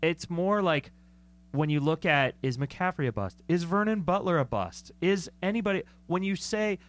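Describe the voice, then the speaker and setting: A man's voice: a little high, animated, moderate pace. A man co-hosting a sports talk show, analyzing football in a chatty, joking way and often correcting himself mid-sentence. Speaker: sports podcast co-host.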